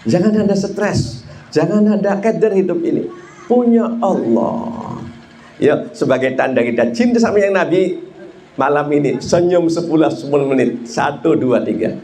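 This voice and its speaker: A man, preaching a lively sermon to a congregation, joking with the crowd and swinging between high excited peaks and slow drawn-out phrases. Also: echoey room, slight background noise. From Indonesia. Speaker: Islamic preacher.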